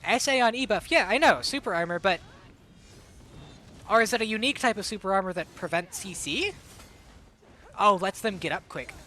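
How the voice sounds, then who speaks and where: A woman with a bright, edgy tone calls a game match live on stream, hyped and quick to react. Her throat is sore, but she keeps the energy up through the play-by-play. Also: mid-range voice, animated.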